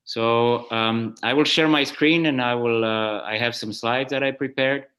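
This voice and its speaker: A male math professor, forties, originally Romanian, appears via video call as guest speaker for a plenary online conference talk. His mid-range voice has a sharp tone and fairly even intonation, and he speaks a little slowly, with lots of fillers and false starts.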